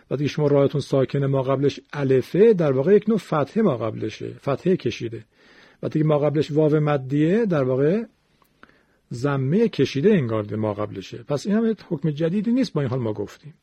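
A man with a slightly high, husky voice gives a radio recitation lesson. He explains each rule patiently and stretches out example words slowly. The sound is dry and a little dull, like a lo-fi broadcast. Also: no room sound. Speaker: Quran recitation teacher.

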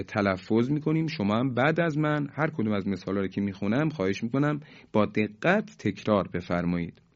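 Man, recitation teacher, formal and polite, slowly drawn-out examples, muffled lo-fi recording. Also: on the low side, a little mellow. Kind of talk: tajweed lesson with recited examples. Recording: dull lo-fi recording.

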